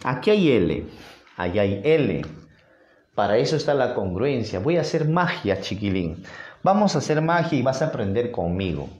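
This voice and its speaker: A man's voice: medium pitch, big pitch swings, normal speed, a little mellow. A man with a Peruvian accent teaching a geometry review lesson at a whiteboard, playful and coaxing with his students. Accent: Peruvian Spanish. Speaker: math teacher. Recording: roomy echoey room sound.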